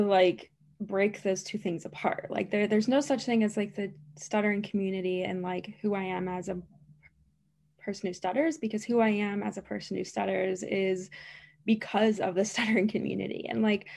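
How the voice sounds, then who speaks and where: Speaking in a gravelly, slightly mellow mid-range voice at a normal speed, this woman answers interview questions in an earnest, emphatic way. She is a speech-language pathologist who stutters, and her speech has frequent repetitions and blocks.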